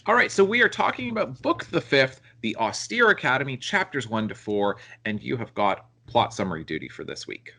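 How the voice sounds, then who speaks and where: A man's voice: mid-range voice, sing-song, a little fast, creaky, hardly any pauses, bright, forceful tone. A man hosting a podcast in casual chat, tossing in dry, joking asides. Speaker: podcast host.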